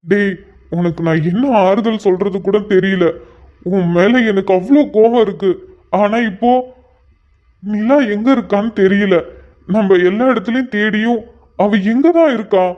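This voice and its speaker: A man's voice: high voice, steady tone, normal speed, muffled recording, natural voice. A man voicing a loyal young male friend in a cartoon, firm and urging. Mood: urgent. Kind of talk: cartoon voice acting.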